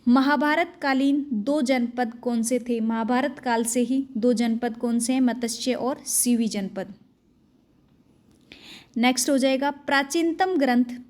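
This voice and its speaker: A young woman teacher with a high voice runs through an exam-prep quiz lesson at a fast, brisk clip. She reads out a question, then answers it herself in a clear, drilling manner. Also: a little mellow.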